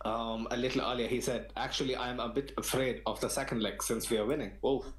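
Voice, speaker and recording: A man's voice: medium pitch, fairly even intonation, fast, echoey room, rough recording. A man on a football fan podcast, ranting in an emphatic, slangy way. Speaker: podcast panelist. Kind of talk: heated football podcast talk.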